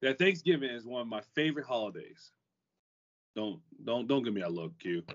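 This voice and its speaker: A man's voice: medium pitch, very animated, a little fast. A man co-hosting a casual podcast as an emphatic hype man who repeats phrases, on a dull microphone. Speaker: podcast co-host.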